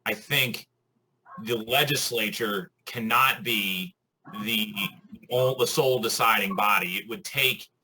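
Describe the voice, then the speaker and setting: A man co-hosting a podcast in casual chat, articulate and measured as he builds an argument. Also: on the low side, sharp tone, slight background noise, poor audio. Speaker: podcast co-host.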